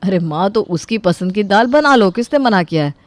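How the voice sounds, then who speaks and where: A woman voicing a calm grown son in a storybook tale, talking softly and trying to keep the peace. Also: mid-range voice, moderate pace, no echo, voice pushed down, close to an everyday voice. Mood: placating. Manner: soft and placating. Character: calm grown son, mild father of the house.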